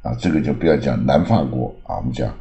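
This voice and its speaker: A man, older, teaching English words in a slow explanatory lesson with frequent filler sounds and drawn-out example words. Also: a bass voice, expressive, creaky, warm tone, highs cut off. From Taiwan.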